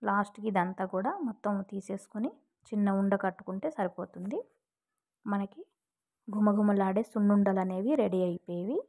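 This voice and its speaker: Brief: woman cooking vlogger, gentle explanatory home-kitchen talk, mid pitch. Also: fairly even intonation, normal speed. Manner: gentle, explanatory, addresses viewers politely. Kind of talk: casual cooking demonstration.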